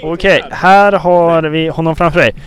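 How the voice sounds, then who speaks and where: A man's voice: fairly high pitch, fairly even intonation, fairly bright tone. En man som leder och rapporterar skämtsamt, torrt och ironiskt, om ett spel. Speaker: host and mock reporter. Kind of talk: joking mock sports reporting over a game.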